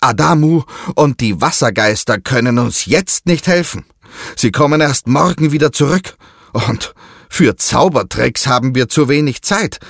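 A calm island sorcerer from a storybook takes the lead, as a man plays him. He speaks steadily and decisively, in a voice set a little higher than normal. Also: measured pace, creaky, dry recording, studio quality. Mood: serious. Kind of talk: children's audio story.

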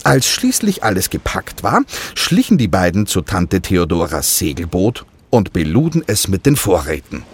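A man reading a children's story aloud with expressive, sing-song storytelling. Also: low voice, moderate pace, breathy edge. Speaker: narrator.

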